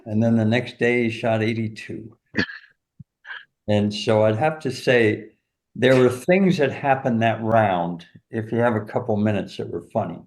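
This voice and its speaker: An older man tells caddie stories as an interview guest, with an animated delivery. He chuckles often and fills his sentences with "you know.". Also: lowish voice, a little slow. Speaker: golf teacher and former caddie, guest. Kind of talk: anecdotal storytelling in an interview.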